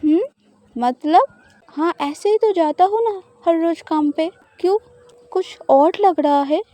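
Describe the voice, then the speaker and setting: A woman's voice: extremely high pitch, a little slow, dark tone, dry recording, voice pushed up. A woman voicing a shy, easily flustered young woman in love, reading an audio love story.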